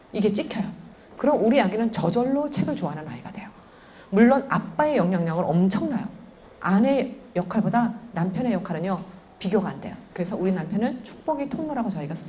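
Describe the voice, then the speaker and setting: A woman giving a lively parenting lecture, keeps firing questions at her audience. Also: medium pitch, a little hiss or hum. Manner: animated, keeps quizzing the audience.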